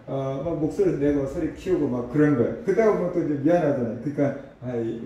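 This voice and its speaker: Pastor preaching in an echoey hall. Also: male voice, mid-range voice, warm tone, a little hiss or hum. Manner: conversational, asks the congregation rhetorical questions. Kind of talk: sermon. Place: church sanctuary. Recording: distant echoey hall recording.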